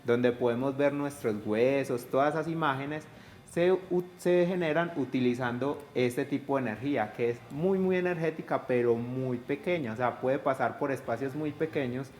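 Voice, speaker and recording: A man's voice: mid-range voice, moderate pace, a little mellow. A male teacher explaining a science topic to pupils, asking them questions as he goes. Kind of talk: educational explanation.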